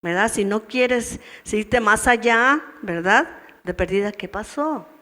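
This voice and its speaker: At a women's gathering in a church, a woman with a Mexican Spanish accent questions her audience again and again and plays out the wives' answers herself. She speaks at medium pitch, slightly slowly, with a bright, forceful tone, and the hall's long reverb carries her voice.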